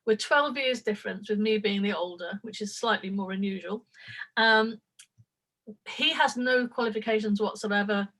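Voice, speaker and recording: An older woman, a writer, chats casually with an interviewer over a video call, speaking openly and affectionately, laughing often and rambling with fillers. Her voice is medium-pitched and a bit bright, at normal speed. The recording is rough.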